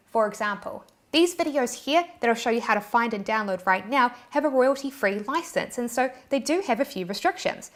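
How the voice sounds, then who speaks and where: A young woman with a New Zealand accent hosting an online tutorial in a cheerful, scripted way, throwing in little cheers. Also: fairly high pitch. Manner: cheerful, bursts of "yay" and "woohoo".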